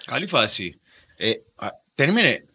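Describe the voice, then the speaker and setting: A man's voice: medium pitch, huge pitch swings, pushed and bright, breathy edge. A man with a Cypriot Greek accent hosting a casual conversational interview, explaining things informally with everyday examples. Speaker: podcast host.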